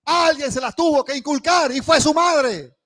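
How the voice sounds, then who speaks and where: A man preaching a sermon in a church, swinging between loud calls and hushed asides and acting out the voices he quotes. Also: very high voice, normal speed. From Panama. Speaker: pastor.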